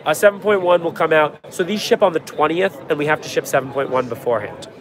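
A young man livestreams casually from a crowded, noisy trade show floor, his phone held at arm's length. He answers chat in a quick, offhand, joking way, his fairly high voice worn from a cold, with crowd chatter around him.

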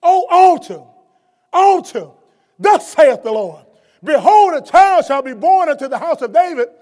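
A middle-aged man preaching a sermon at a lectern, moving from quiet explanation to shouted emphasis and often restarting his words. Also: very high voice, very animated, measured pace. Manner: stumbles and restarts often when speaking off the cuff. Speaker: guest preacher. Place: college chapel auditorium, at a lectern on stage. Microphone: lectern microphone, wide camera. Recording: long hall reverb from a large chapel.

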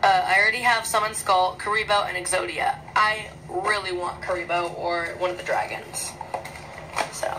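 A woman chatting casually through an unboxing vlog in her small bedroom, excitable and rambling, recorded on a phone camera. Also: lowish voice, normal speed, background noise. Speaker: vlogger.

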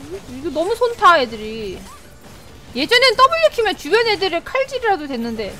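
A female game streamer commentating her own match live, exasperated, yelling at the game and grumbling to herself. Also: extremely high pitch, very animated, moderate pace, soft background music.

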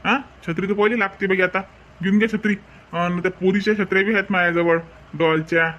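Playing a talkative village umbrella vendor for a comic cartoon, this man talks fast in a high, steady voice with a fairly bright tone. His folksy pitch carries a Vidarbha Varhadi Marathi accent. The mood is warm and persuasive.

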